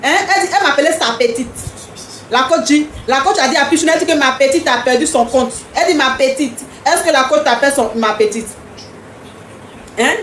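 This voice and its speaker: Teasing high-voiced woman live streaming. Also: a bit bright, roomy sound, slight background noise. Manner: repetitive, teasing, talks straight to commenters. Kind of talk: casual live chat with viewers.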